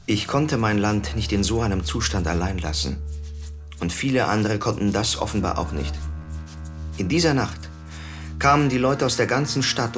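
A man reading a scripted first-person narration in a calm, measured way. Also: on the low side. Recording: narration over music. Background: music.

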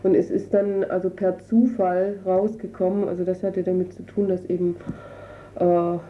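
A refugee council representative is interviewed, explaining things spontaneously in a colloquial, hesitant way as she searches for words. Her voice is fairly low with a flat delivery at a moderate pace. The radio recording is dull, lo-fi and noisy.

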